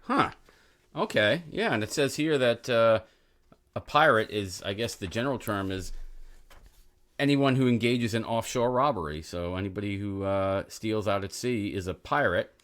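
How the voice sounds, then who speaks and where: A man's voice: on the low side, animated, normal speed, a bit bright. A man hosting a podcast in casual chat, easygoing, asking his co-host questions. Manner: easygoing, asks questions, laid-back.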